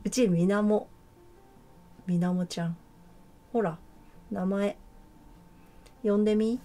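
A woman voicing a laid-back, teasing, boyish girl in a game, speaking in a put-on Kansai-style dialect with a relaxed drawl. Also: mid-range voice, slow pace, natural voice. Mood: friendly. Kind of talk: game dialogue read aloud.

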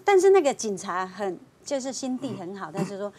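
A woman, a fortune-teller guest on a talk show, telling a story in a lively way and acting out the voices of the people in it. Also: mid-range voice, a little fast. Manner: lively storyteller, voicing clients and police.

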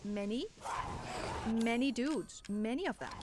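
A woman's voice: on the high side, measured pace. A woman giving casual, chatty commentary while playing a video game, swearing and laughing at herself. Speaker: gaming streamer. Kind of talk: casual let's-play commentary. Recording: loud game noise behind voice. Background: game ambience.

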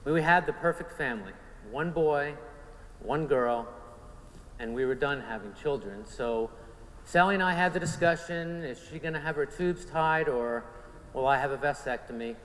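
A man in his forties with a Long Island New York accent earnestly shares his personal faith testimony at a men's conference in a large church sanctuary. His mid-range voice is a bit bright and moves at normal speed, with church hall reverb and faint room noise around it.

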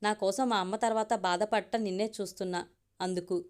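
A woman reading the part of a caring young male doctor and husband in a gentle, reassuring way. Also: medium pitch, steady tone, fairly quick, clean tone, lightly acted.

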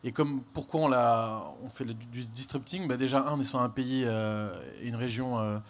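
A man's voice: medium pitch, fairly even intonation, normal speed, a little hiss or hum. A man, a startup founder, speaking on a conference panel with many hesitations and fillers.

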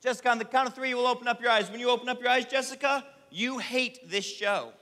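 This man in his thirties is a comedy stage hypnotist and show host, projecting commandingly to a theatre audience. His voice is extremely high, quick, pushed and bright. The echoey hall carries audience noise.

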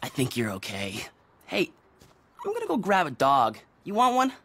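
A woman's voice: sits low, huge pitch swings, moderate pace, a bit bright, breathy edge, heavily acted. A woman voicing a friendly, easygoing teenage boy who likes to tease, in a cartoon. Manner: easygoing, teasing.

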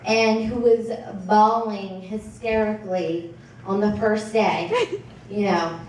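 At an indoor wedding reception, a young American woman with a mid-range voice speaks as maid of honor into a handheld PA mic, joking and animated yet halting, partly reading from notes. It's filmed from across the table, so the recording is distant and echoey, drowned in the noise of a crowded, laughing hall.

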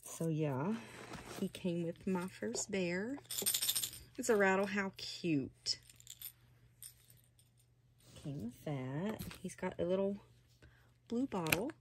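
An older woman chatting slowly and fondly in her small hobby room at home, gushing as she opens a doll box. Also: lowish voice, expressive, noisy background. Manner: chatty, softly gushing, slow and unhurried. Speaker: reborn doll collector. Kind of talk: casual unboxing chat.

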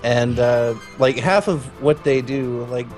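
A man's voice: medium pitch, slow pace, a little mellow, soft background music. A man chatting casually as a guest over gameplay, with dry, teasing remarks. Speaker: guest co-commentator.

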